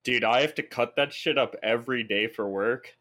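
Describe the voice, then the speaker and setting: A man's voice: mid-range voice, moderate pace, pushed and bright. A young man hosting a casual podcast over Discord, swearing freely and laughing often. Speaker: podcast host.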